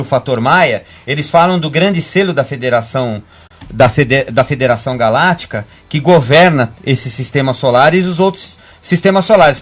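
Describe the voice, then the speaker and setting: A Brazilian man talking quickly, with many stops and restarts as thoughts pile up. His voice sits a little high for a man. He speaks as a guest on a casual web radio talk show. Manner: fast, rambling, frequent restarts. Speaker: guest medium.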